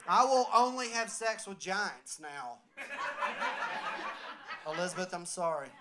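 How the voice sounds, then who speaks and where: A tipsy man with a Southern accent doing a loud, rambling stand-up set in a small comedy venue. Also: high voice, unhurried, a crowd in the background. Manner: loud, rambling, excitable delivery.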